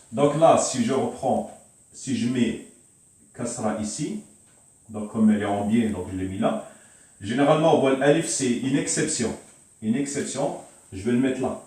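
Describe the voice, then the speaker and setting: At a whiteboard, a man whose voice is medium-pitched and dark teaches Arabic to beginners, patiently going over things again and hesitating often. The mic is distant and the room heavily echoey.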